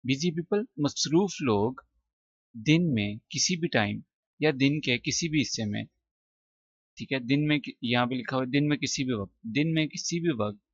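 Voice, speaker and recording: A man's voice: medium pitch, expressive, breathy edge, no echo, dull audio. Patient man teaching English. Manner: patient, explains slowly with many "theek hai" checks. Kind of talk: textbook lesson, translating and explaining.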